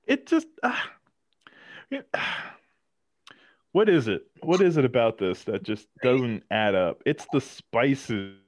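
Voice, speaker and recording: Slow-talking man with lively intonation. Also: mid-range voice, no room sound. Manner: laid-back, wry, lively intonation. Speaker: podcast co-host. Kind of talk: casual chat.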